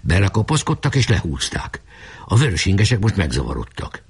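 A man narrating a story aloud in an expressive storytelling manner. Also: low voice, breathy edge. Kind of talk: audiobook narration.

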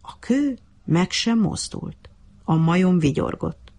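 A woman reading a children's animal story aloud in an expressive, lively way. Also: fairly low pitch. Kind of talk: storybook narration.

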